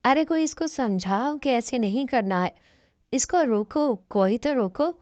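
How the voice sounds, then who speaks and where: A woman voicing scolding, superstitious in-laws who complain in a slow, reproachful way. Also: fairly high pitch, expressive, darkish tone, dry recording, lightly acted. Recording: dull lo-fi dry recording.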